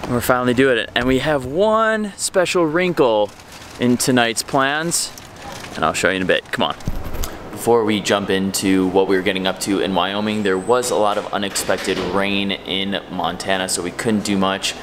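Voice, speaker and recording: A man's voice: fairly low pitch, normal speed, background noise. A young man talking casually to a handheld camera as he travels on a road trip, upbeat and chatty. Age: young adult. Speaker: travel vlogger. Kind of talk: casual travel vlog narration. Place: outdoors and in a room on a road trip. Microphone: handheld camera at arm's length.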